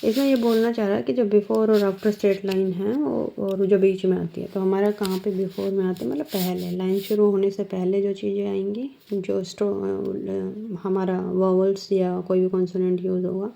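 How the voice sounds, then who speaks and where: Speaking at medium pitch with a creaky, mellow voice that barely moves in pitch, a woman teacher explains shorthand step by step. She is slow and patient, questioning her students throughout, and the audio is dull and lo-fi.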